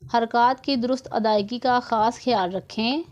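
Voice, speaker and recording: A woman's voice: fairly high pitch, steady tone, a little slow, darkish tone, lo-fi sound. A woman teaching Quran reading in a recited lesson, sounding out each syllable distinctly and measuredly.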